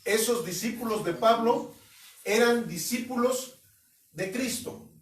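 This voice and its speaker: A man's voice: very high-pitched, slow pace. A man preaching an expository sermon as pastor, emphatic, now and then mocking doubters in quoted voices. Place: at home. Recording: echoey room, mic at a distance.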